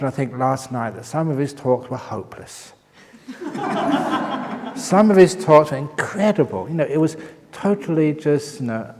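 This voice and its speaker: A man's voice: mid-range voice, a little mellow. A middle-aged man gives a dharma talk and tells stories with relish. His voice sits in the middle range, and a long reverb from the meditation hall trails behind his words. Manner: storytelling, breaks into laughter. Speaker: meditation teacher monk.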